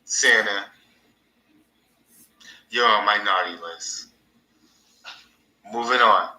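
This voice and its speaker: A man hosts his own podcast, rambling casually through a monologue and laughing at his own stories. His voice is fairly low and sharp-toned, and he speaks very slowly. The room sounds echoey.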